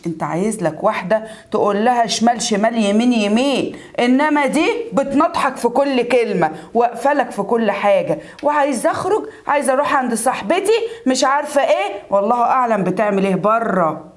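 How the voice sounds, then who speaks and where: A woman's voice: fairly high pitch, expressive, a little fast, hardly any pauses, lightly acted. A woman with an Egyptian accent playing a suspicious, scheming mother-in-law who nags her son. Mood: nagging. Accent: Egyptian Arabic. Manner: nagging, needling, scolding.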